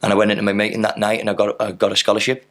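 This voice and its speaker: A man's voice: lowish voice, monotone, rapid-fire. A man, telling rambling anecdotes in a casual podcast interview, full of fillers and mild swearing. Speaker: podcast guest, footballer.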